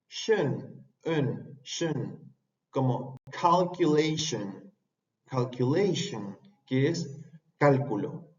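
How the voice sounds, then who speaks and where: A man teaches a pronunciation lesson in an unhurried, fairly high voice, sounding out each word slowly and carefully. The sound is dull and lo-fi, with a noticeable echo from the room. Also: a little mellow. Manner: repeats words slowly and carefully. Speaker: English teacher.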